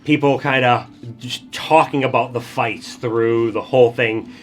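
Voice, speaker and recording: A man's voice: mid-range voice, fairly even intonation, measured pace. Man casually narrating a tabletop game. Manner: casual, conversational storytelling. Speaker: game master.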